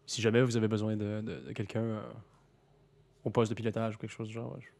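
A man's voice: fairly low pitch, flat delivery, fast talker, a little mellow, natural voice. A man voicing an eager Mexican man from a border town, rambling and stumbling over his words.

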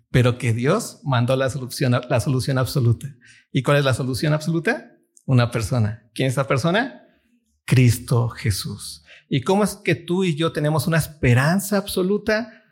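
A man's voice: fairly high pitch, breathy edge. A man preaching a sermon, reading scripture aloud and questioning his listeners. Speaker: pastor.

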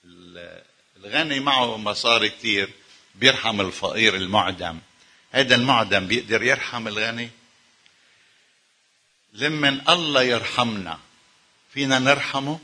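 A man's voice: medium pitch, normal speed, long pauses, pushed and bright. A male preacher with a Lebanese accent delivering a sermon, putting emphatic rhetorical questions to his congregation. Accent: Lebanese Arabic.

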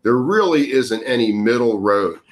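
A man's voice: mid-range voice, lively intonation, normal speed. A man speaking earnestly in a casual podcast conversation, coaching listeners on breathing, sometimes growing emphatic. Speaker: breathwork guest.

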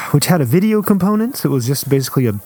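Man, high voice, very lively pitch, podcast co-host, teasing incredulous questions. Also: fast talker. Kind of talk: casual chat.

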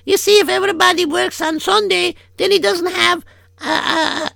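A sharp-tongued, practical old-world wife, as a woman acts her out, always pointing out what's wrong. Her voice sits very high and crackles with heavy fry, bright and sharp. Dry and close, as in a comic radio play. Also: steady tone, moderate pace, no room sound, exaggerated voice. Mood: nagging.

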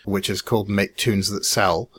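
A man who is an independent filmmaker, co-hosting a casual podcast chat in a measured, reflective way, his sentences trailing off quietly. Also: fairly low pitch, flat delivery, slightly rough.

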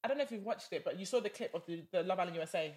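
A woman's voice: fairly low pitch, animated, very fast, darkish tone, breathy edge. A young British woman with an urban London accent and slang, co-hosting a podcast in casual chat, retelling stories emphatically and acting out quotes. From Britain. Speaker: podcast co-host.

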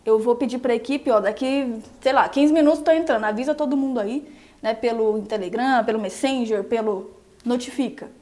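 A young woman coaching viewers on married life during a relaxed live stream. Her voice sits a little high for a woman. She talks emphatically and keeps checking in with her listeners. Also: moderate pace. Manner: emphatic, often checks in with "entende?". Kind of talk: casual live-stream advice chat with viewers.

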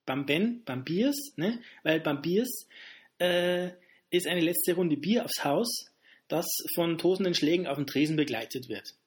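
A man's voice: a little high, a little slow. Man joking through a mock lesson. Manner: playful deadpan joking with asides. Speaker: comedic host.

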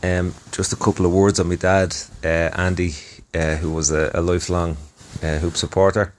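Deep, flat-voiced man. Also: moderate pace, a little hiss or hum. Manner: hesitant, many ums and restarts. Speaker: football manager. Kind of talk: unscripted spoken tribute.

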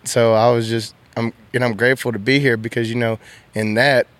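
A young man from Texas, a bull rider, talking candidly and emotionally in halting, soft-spoken sentences. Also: medium pitch, little pitch movement, no echo. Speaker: professional bull rider, guest. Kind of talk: candid interview chat.

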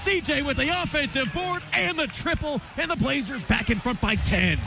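A man calling live basketball play-by-play in fast, excitable sports commentary. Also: very high voice, vocal fry, over music. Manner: excited calls on made baskets.

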